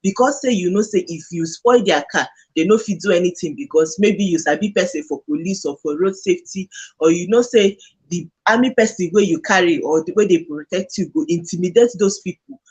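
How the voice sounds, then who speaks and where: Nigerian male, husky, on the higher side, casual Pidgin discussion, animated storyteller delivery. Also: brisk.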